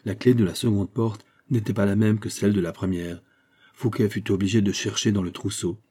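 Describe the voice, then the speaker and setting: This audiobook reader is male, his voice deep and husky. His tone stays dark and mellow as he moves through the text steadily and evenly.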